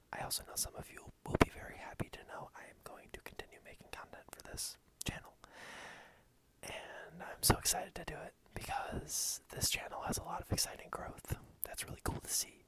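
An ASMR creator giving a casual whispered channel update into a dedicated microphone. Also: rough recording. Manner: soft unvoiced whisper throughout.

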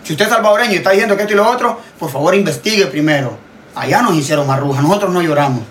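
A Honduran man with a high voice rants in a casual, heated way, hammering his points through repetition and swearing without restraint. He sounds like a social media creator talking straight to his followers, with a faint hum of noise behind him. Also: lively intonation, rapid-fire. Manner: emphatic, repetitive, swears freely. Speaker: TikTok creator.

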